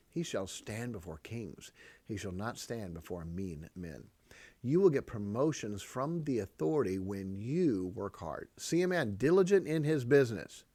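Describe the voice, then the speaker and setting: Hosting a parenting podcast, a man with a medium-pitched, slightly mellow voice preaches about proverbs at a moderate pace, his pitch swinging widely. He is emphatic, repeats key phrases, and chuckles often, with no room sound in the recording.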